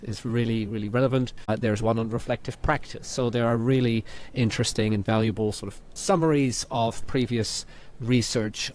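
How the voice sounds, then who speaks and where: A man's voice: mid-range voice, darkish tone, a little hiss or hum. A man hosting an informal podcast conversation, speaking thoughtfully and circling back with fillers and restarts. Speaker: podcast host.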